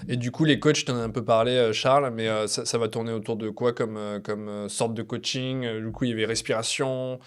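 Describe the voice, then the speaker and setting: A man's voice: mid-range voice, fairly even intonation, fairly quick, hardly any pauses, clean tone. A man hosting a podcast interview, asking questions with many hesitations and fillers. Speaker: podcast host. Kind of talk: casual interview.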